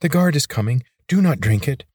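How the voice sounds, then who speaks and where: A man's voice: mid-range voice, lively intonation, brisk, a little mellow, breathy edge, no echo, studio quality, voice pushed up. A man voicing a small loyal lizard creature in a storybook reading, speaking urgently.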